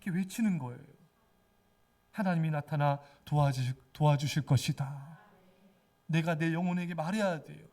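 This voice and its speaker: A man's voice: a little high, normal speed, long pauses, a little mellow, recorded from a distance. A middle-aged male pastor giving a fervent sermon, exhorting and repeatedly calling out to his congregation.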